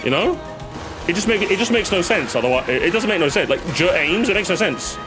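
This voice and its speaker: A man's voice: sits high, animated, fast talker. A young man streaming in casual chat, rambling and joking with mock outrage at his chat. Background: music playing.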